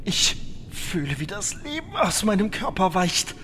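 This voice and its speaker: A man's voice: high-pitched, very animated, measured pace, bright, forceful tone, heavily acted. A man playing a melodramatic, fawning dying victim, overwrought and long-winded, in a fantasy comedy. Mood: theatrical agony. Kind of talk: scripted fantasy comedy dub. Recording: echoey hall, faint noise.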